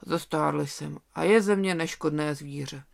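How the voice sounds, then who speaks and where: Old toothless wolf grumbling away, gravelly, a bit raised voice, read by a storyteller. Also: medium pitch, close to an everyday voice.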